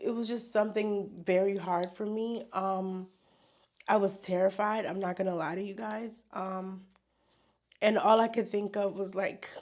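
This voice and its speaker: Young woman, emotional personal vlog, halting speech, full of fillers, mid-pitched voice. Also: a little mellow. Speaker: vlogger. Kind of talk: personal storytelling to camera.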